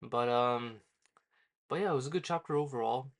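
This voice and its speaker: A man hosting his own channel, casually retelling a manga chapter, full of fillers and quick quoted lines. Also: mid-range voice. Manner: loose, filler-heavy retelling with quoted dialogue. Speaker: manga reviewer. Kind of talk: casual recap.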